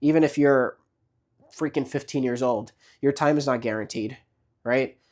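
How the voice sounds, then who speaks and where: A man's voice: mid-range voice, moderate pace, a little mellow. A man in his late twenties giving casual motivational advice, rambling with many fillers and restarts. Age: 20s. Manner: frequent restarts and repeated words. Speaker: vlogger.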